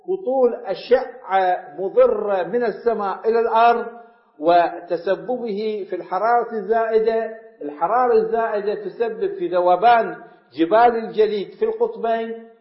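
Male preacher, high voice, dynamic storytelling, in a roomy lo-fi recording. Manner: storytelling, dropping to hushed tones and rising in emphasis. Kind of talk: sermon. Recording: echoey, dull lo-fi recording.

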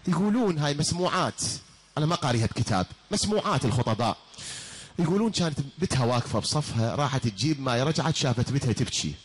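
A man's voice: medium pitch, lively intonation, fast talker, slight background noise. A male preacher with an Iraqi accent tells a religious story in a sermon, impassioned and full of rhetorical questions. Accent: Iraqi Arabic. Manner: impassioned, rhetorical, addresses listeners directly.

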